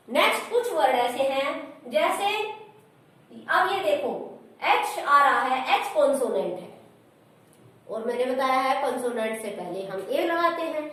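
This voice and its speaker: A woman's voice: sits high, heavy reverb, far from the mic, poor audio. A woman teaching a grammar lesson step by step and asking her students questions as she goes. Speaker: school teacher.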